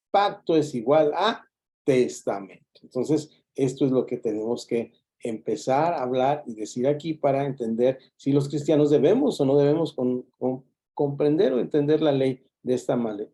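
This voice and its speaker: A man lectures a Bible class in a very dark, mellow voice. He explains patiently, circling back to repeat his key points and often breaking off mid-word to restart. His pitch sits in an ordinary middle register. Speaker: Bible teacher.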